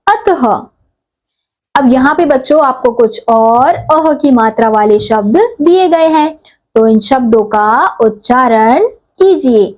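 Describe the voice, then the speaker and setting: A young woman teacher gives a slow, clear lesson to young children, sounding out each syllable carefully. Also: high voice, animated, a little mellow, muffled recording. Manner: sounds out syllables slowly and stretches each word.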